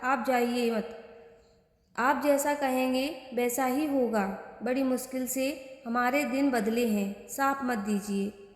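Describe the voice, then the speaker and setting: A woman reads the lines of an anxious old mother from a storybook, begging and fretful. The voice is high and slow. It rings in a reverberant room. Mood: pleading. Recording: echoey room with long reverb.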